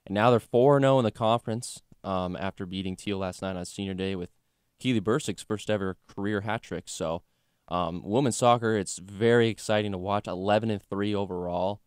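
A man's voice: on the low side, a little fast, smooth, no echo, studio quality. A young man co-hosting a college sports podcast, chatting about games in a loose, joking way with lots of fillers. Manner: chatty, jokey, lots of fillers like "you know" and "like". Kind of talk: casual sports chat.

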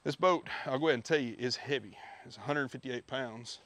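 A man giving a relaxed, chatty walkthrough of his gear outdoors, filmed on a head-mounted camera. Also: mid-range voice, brisk. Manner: relaxed, chatty, with many fillers. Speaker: fishing video host. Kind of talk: casual product walkthrough. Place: backyard outdoors. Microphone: head-mounted action camera.

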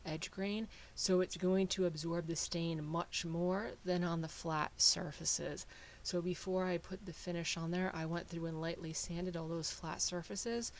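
A woodworking channel host talking through a how-to in a relaxed, explanatory voice-over with frequent fillers. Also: medium pitch, a little hiss or hum. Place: small woodworking shop.

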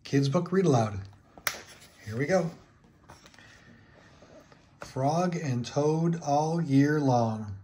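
A man reading a children's picture book aloud, with slow, clear storytelling narration. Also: on the high side, expressive, warm tone, slight background noise.

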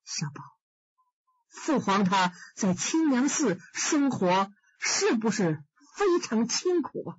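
A woman voicing a young emperor in a storytelling performance, speaking slowly in a measured, restrained way. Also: a little high, very animated, husky, dry recording, dull audio, pitched below the performer's own voice, heavily acted. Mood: worried. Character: young emperor, grieving and dignified.

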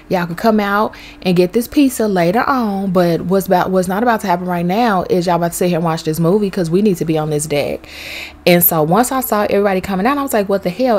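Brief: woman vlogger, casual storytelling, animated and chatty, swears freely. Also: medium pitch. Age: young adult to middle-aged, has a son. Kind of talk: casual storytelling over gameplay.

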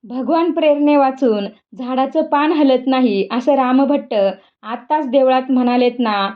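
A woman's voice: high-pitched, a little slow. A cheeky young sister teases and mocks her elders, as a woman reads her aloud. The storybook reading is heard on a dull, lo-fi recording. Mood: teasing. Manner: teasing, mocking.

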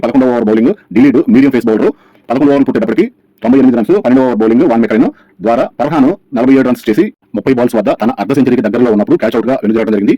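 A man's voice: mid-range voice, no echo. A man narrating a scripted cricket match recap as a channel host, rattling through scores over by over. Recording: dull, lo-fi sound.

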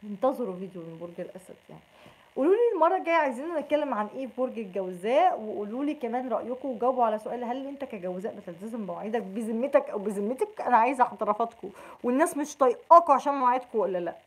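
Fast, husky Egyptian woman vlogging. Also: a little high, animated, rough recording. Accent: Egyptian Arabic. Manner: rapid, jokey, acts out quoted friends in bursts. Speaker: YouTube vlogger. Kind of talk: animated casual monologue to camera.

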